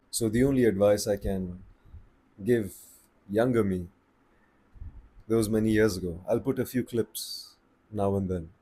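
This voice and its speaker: A man with an Indian accent giving calm, slow-paced advice on speaking to the camera. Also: fairly low pitch, breathy edge. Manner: slow, calm and deliberate, with pauses. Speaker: voice coach. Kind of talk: casual advice talk to camera.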